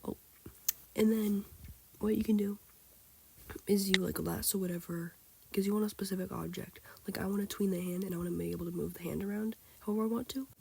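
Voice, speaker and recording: A sick teenage girl with a hoarse, childlike-sounding voice, rambling casually through a drawing tutorial with lots of fillers. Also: mid-range voice, steady tone, brisk, a little mellow, a little hiss or hum. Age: teens. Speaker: tutorial maker. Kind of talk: casual screen-recorded tutorial.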